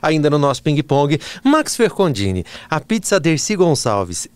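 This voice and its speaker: A man hosting an interview, firing off teasing quick questions and laughing often. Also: fairly high pitch, big pitch swings, a little mellow, clear, resonant tone, no room sound. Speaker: interview host, radio presenter. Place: bookstore in a shopping mall.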